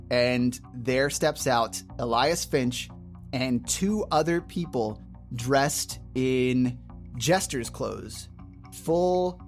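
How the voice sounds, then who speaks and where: Male game master, mid-pitched, unhurried and halting, improvising tabletop narration over soft music.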